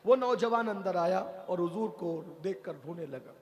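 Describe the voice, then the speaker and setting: A man's voice: sits high, normal speed. A male preacher telling a moving story in a sermon, impassioned and repeating lines for effect. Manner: impassioned, repetitive storytelling with rising cries. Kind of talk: emotional religious sermon.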